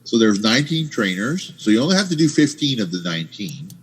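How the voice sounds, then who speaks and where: A man's voice: lowish voice, sing-song, quick pace, slightly rough, rough recording. A man hosting a podcast on a headset mic from home, rambling enthusiastically in casual chat. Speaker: podcast host. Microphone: headset microphone.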